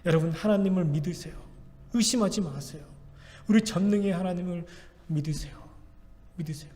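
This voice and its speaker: Korean pastor preaching in a reverberant hall. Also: male voice, high voice, brisk, warm tone. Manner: emphatic preaching with repeated exhortations. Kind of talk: sermon. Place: church sanctuary.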